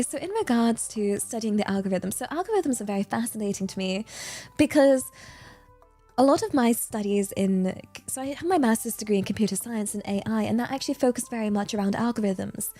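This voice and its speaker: A woman's voice: a little high, a little fast, mellow, soft background music, natural voice. A woman putting on a posh British newsreader voice. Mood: chatty. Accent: British received pronunciation. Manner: chatty, rambling, well-spoken. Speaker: streamer. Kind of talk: livestream chat in a put-on accent.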